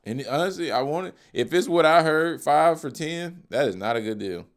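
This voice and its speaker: A man's voice: on the high side, expressive, moderate pace. A man co-hosting a casual show, reacting to music videos with loose, profane banter and laughter. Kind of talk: casual chat.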